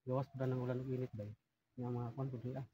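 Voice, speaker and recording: Fast-talking man outdoors. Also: medium pitch, level tone, muffled recording, a little hiss or hum. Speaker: vlogger on a jungle outing. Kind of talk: casual chat among friends. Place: outdoors on a mountain.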